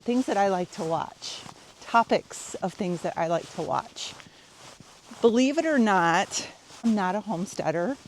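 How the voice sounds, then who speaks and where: This casual vlog comes from a fifties-aged health coach talking straight to her audience while outside at home, both on the patio and walking her usual route. She has a medium-pitched voice and speaks a little slowly, in a chatty, easygoing way. There is slight background noise.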